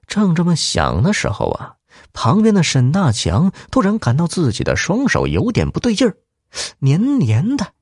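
A man narrates a martial-arts story for children in a dramatic, highly animated manner. The sound is clean studio audio with no room sound.

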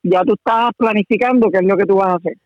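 A man in a casual chat, starting haltingly and then giving steady advice. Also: sits high, no room sound. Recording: dull lo-fi sound.

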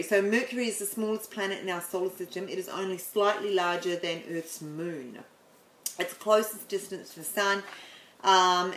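A woman explaining the planets in a chatty way, then leading a guided meditation with slow, soothing instructions and some stumbles. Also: medium pitch, a bit bright, roomy sound, slight background noise, rough recording. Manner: chatty, apologetic, stumbles over words.

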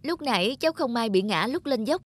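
Voicing a dutiful young rural postman in an animated folk tale, an actor sounds gentle, polite and reassuring. His medium-pitched voice moves briskly with a breathy edge, and there's no echo.

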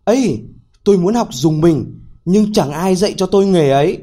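A man's voice: high-pitched, expressive, moderate pace, dark tone, pitched above the performer's own voice. A male storyteller voicing a foolish, bold young man who speaks bluntly and pleads with his elders. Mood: plain.

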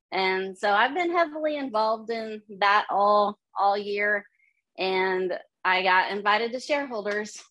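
A woman guest on a podcast, telling her story in a measured, friendly way. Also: mid-range voice, a bit bright, low-quality recording. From Missouri, USA. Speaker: guest, retail digital coach. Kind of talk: casual interview chat.

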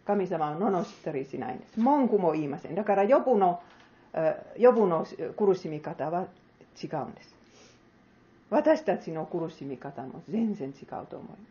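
Lively low-voiced woman preaching. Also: moderate pace, muffled recording. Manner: earnest, poses rhetorical questions to listeners. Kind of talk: sermon with closing prayer.

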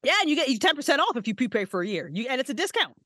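A woman in her forties, a podcast co-creator appearing as a guest, chats casually, swearing freely and laughing often in an animated way. Her voice is high-pitched and very fast, in studio-quality sound with no room echo.

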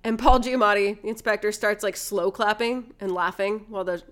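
A woman's voice: mid-range voice, steady tone, brisk. A woman in casual chat, animatedly retelling a film plot, acting out the characters' lines and swearing now and then. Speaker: podcast host retelling a film.

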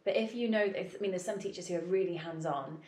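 A woman's voice: on the low side, fast, darkish tone. A woman who runs teacher auditions at a yoga studio, talking casually on a podcast, chatty with lots of fillers and laughs. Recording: roomy echoey recording.

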